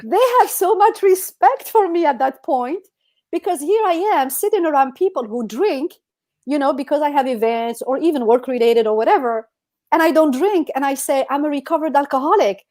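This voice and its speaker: Telling personal anecdotes on her podcast, this co-host is conversational and emphatic, saying "you know" constantly. Her high voice is animated and darkish, at a moderate pace.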